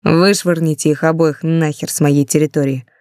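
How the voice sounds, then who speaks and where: A woman's voice: low voice, steady tone, normal speed, darkish tone, dry recording, studio quality, lightly acted. A woman reading an audiobook, voicing a cruel mafia boss in a cold, menacing tone. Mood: cold menace.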